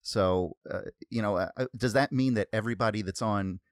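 American male co-host, low voice, dry close recording, rambling and exasperated. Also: a little fast, dry recording. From United States. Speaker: podcast co-host. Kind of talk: casual roundtable chat.

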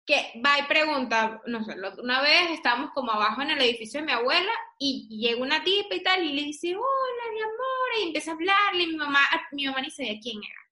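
A woman's voice: sits high, fast talker, hardly any pauses, reverberant. A young woman co-hosting a casual podcast chat, telling stories and acting out the voices of the people in them. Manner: animated storyteller, acts out quoted voices. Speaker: podcast co-host.

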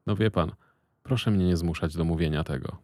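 A man's voice: deep voice, brisk, a little mellow, no room sound, studio quality, close to an everyday voice. A man voicing a sleazy, embarrassed older man who talks in a wheedling, hesitant way in a storybook reading.

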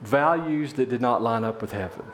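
A man preaching a sermon in a church, telling a parable with animated voices for its characters. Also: medium pitch, moderate pace, reverberant, slight background noise. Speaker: pastor.

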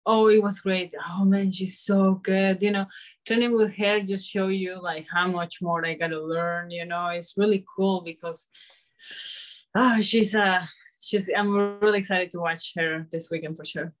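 A young woman fighter answering interview questions in a halting, hesitant way with many restarts. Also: mid-range voice, fairly even intonation. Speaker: mixed martial arts fighter.

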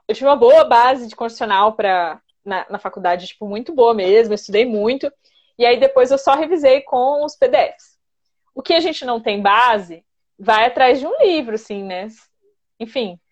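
A woman's voice: a little high, dull audio. A woman with a Brazilian caipira country accent, chatting informally as an interview guest and often repeating herself. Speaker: interview guest, federal prosecutor. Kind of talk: casual chat, answering questions.

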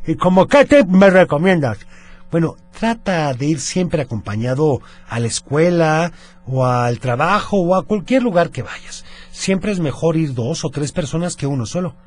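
A man hosting a children's radio show, telling stories with animated delivery. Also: fairly high pitch, moderate pace. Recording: faint music behind.

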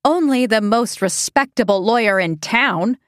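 A woman voicing an excitable, bitter older woman who spits out her words sharply. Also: mid-range voice, a little slow, no echo, clean studio sound. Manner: sharp and spiteful.

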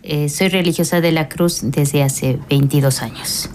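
A middle-aged woman, a religious sister, speaking calmly and explaining at length in a radio interview, with frequent pauses and fillers. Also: low-pitched, a little hiss or hum.

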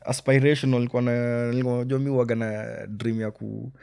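A man's voice: mid-range voice, level tone, racing, creaky, dark tone, clear, resonant tone. A man with a Kenyan accent chatting casually, switching languages mid-sentence as he explains things. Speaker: rapper and songwriter. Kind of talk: casual conversation.

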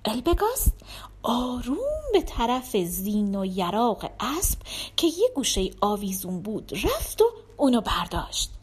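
A woman narrating a folk tale in a dramatic, expressive reading. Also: high voice. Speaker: storyteller. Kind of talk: scripted fairy-tale narration.

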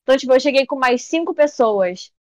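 A woman's voice: high-pitched, fairly quick, no echo. A young woman, a social media creator, chatting casually as an interview guest and telling stories animatedly, acting out the voices of people she quotes. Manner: animated storyteller who acts out quoted voices and says "tipo" often.

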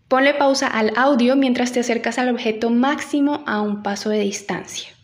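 Speaking at a normal speed with a steady tone, this woman has a voice on the high side. She's an acting teacher leading an audio lesson, walking the listener through an exercise. She addresses them directly, mixing instructions with reflective questions.

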